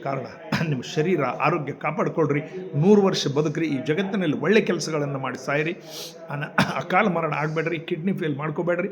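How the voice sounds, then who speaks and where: An older man makes a heartfelt public appeal about health. His voice sits slightly high, and he pleads with his listeners politely, coming back again and again to his requests. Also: a little fast, muffled recording, a crowd in the background. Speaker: kidney patient giving health advice.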